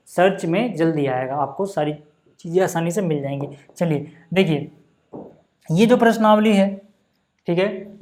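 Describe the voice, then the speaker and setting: A young man teaching a casual maths lesson, patient and chatty, checking in often and slowing down to count out each step. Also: high-pitched. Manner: slows down to count out steps.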